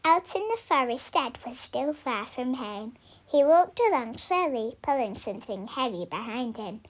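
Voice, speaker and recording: Reading from a storybook for children, a young woman with a high-sitting voice stretches out words to stress them. Her delivery is deliberate and expressive.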